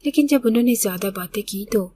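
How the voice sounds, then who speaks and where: A woman's voice: a little high, expressive, mellow, slight background noise. A middle-aged woman telling a story in the first person, in an emotional, conversational way.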